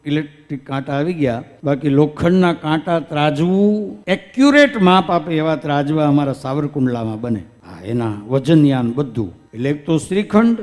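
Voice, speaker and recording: A man's voice: a little high, expressive, normal speed, a little mellow. A man from Saurashtra with a Gujarati accent, telling a devotional story sermon, reciting scripture verses in a singing lilt and then explaining them plainly. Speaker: religious storyteller. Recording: long hall reverb with faint music.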